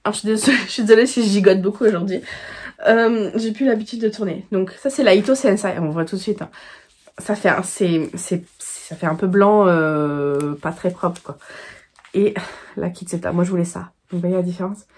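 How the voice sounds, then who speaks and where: A woman from France hosts her own knitting video, talking to the camera at home. She rambles loosely, full of fillers and restarts, in a middle-pitched voice. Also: moderate pace, a little mellow, husky. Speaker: knitting podcast host. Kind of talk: casual chat.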